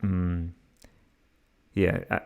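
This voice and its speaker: A man's voice: low voice, completely flat delivery, drawn-out words, creaky, mellow. A young man hosting a podcast, chatting casually with many hesitations and restarts. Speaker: podcast host. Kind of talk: casual conversation.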